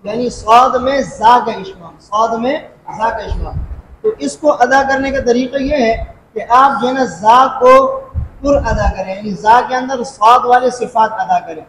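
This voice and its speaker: A man's voice: very high voice, fairly bright tone. A man teaching Quran recitation rules, explaining patiently, repeating points and asking if students follow. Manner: repeats points and checks understanding. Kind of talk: classroom explanation. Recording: echoey room with faint noise.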